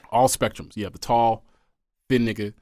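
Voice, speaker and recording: A man's voice: lowish voice, a little slow, mellow, no echo, studio quality. A man co-hosting a casual podcast discussion, telling stories with emphasis and checking in with "right?". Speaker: podcast co-host.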